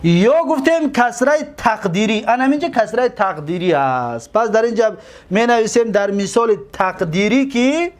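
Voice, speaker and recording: A man whose first language is Tajik, teaching Arabic verb forms, who repeats each word slowly and asks and answers his own questions. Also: high-pitched, lively intonation. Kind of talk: classroom grammar lesson.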